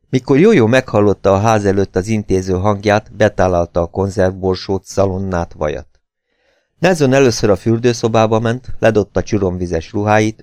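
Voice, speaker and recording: A man narrating an audiobook in a steady, measured reading. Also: fairly low pitch, dry recording, studio quality. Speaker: audiobook reader.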